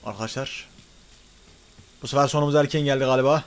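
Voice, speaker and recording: A young man giving excited let's-play commentary, swinging between loud frantic outbursts and muttering to himself. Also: mid-range voice, fast talker, clear, resonant tone. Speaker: gaming YouTuber.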